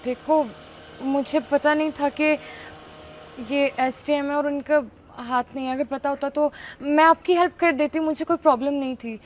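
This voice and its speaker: A woman's voice: extremely high pitch, a little fast, sharp tone, slight background noise. A woman playing a rude, arrogant young woman who mocks and insults her elders in a short acted skit. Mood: apologetic. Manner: sneering, mocking. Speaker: rude ex-girlfriend.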